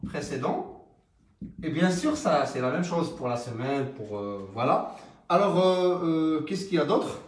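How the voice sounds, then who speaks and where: A man teaching a French grammar lesson, explaining slowly and haltingly with many fillers and frequent checks like "d'accord?". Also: on the high side, lively intonation. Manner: slow, halting explanation with many fillers and rising question tags. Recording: roomy, from some distance.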